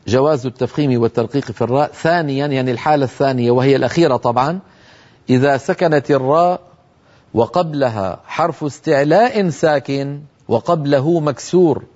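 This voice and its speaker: Man teaching Quran recitation, dull lo-fi sound. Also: medium pitch. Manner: explains calmly, then chants Quranic examples slowly. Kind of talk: televised tajweed lesson. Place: television studio.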